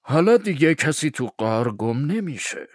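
A man voicing a stern older male judge who talks in a measured way, in a storybook reading. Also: on the high side, sing-song, no echo, studio quality, voice pushed up.

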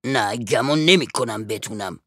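A broke, bossy father hems and stammers, his voice gravelly yet bright and edged, recorded dry and close. A man acts him out in a story recording. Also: medium pitch, dry recording. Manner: hesitant, stammering with filler sounds. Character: broke, fast-talking father, wheedling and bossy. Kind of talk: audiobook voice acting.

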